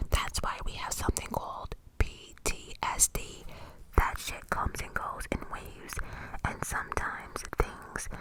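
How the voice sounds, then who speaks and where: A woman whispers breathily, right up against a cupped mic, in an ASMR commentary style. Her delivery is informal and opinionated, with emphatic repeats and blunt swearing, all without full voice. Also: low-quality recording. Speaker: ASMR creator. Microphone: close-up cupped USB condenser microphone.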